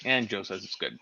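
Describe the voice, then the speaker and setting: Low, bright-toned man joking on a stream. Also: dry recording. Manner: dry joking, reads out chat comments. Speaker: livestream co-host. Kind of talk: casual live-stream chat. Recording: dull lo-fi stream audio.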